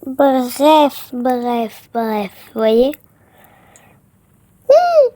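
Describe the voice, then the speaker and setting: A woman's voice: high voice, unhurried, a little mellow, dry recording. A woman casually commenting on a game she plays for viewers, chatty and full of exclamations and filler words. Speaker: gaming vlogger.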